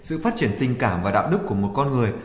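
Fast-talking male co-host, roomy sound. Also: medium pitch, very animated, soft background music. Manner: explaining, bantering. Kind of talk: religious talk show banter and explanation.

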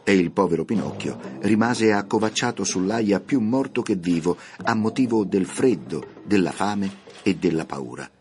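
A man narrating a classic children's story for radio, reading in a measured, expressive way. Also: deep voice.

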